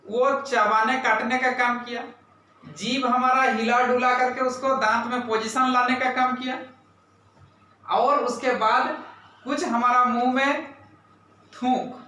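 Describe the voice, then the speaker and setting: A man with a very high, steady, sharp voice teaches a classroom science lesson slowly, with long pauses, quizzing pupils, repeating key terms, and saying "right?" often. A camera far off in the indoor classroom captures him, so the sound is very echoey and distant.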